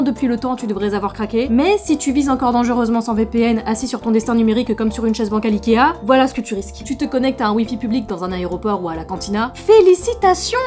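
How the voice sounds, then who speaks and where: A woman's voice: on the high side, darkish tone. A woman talking to camera in a casual vlog, playful and sarcastic, with jokey asides. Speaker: YouTuber. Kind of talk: casual vlog monologue with sponsor read.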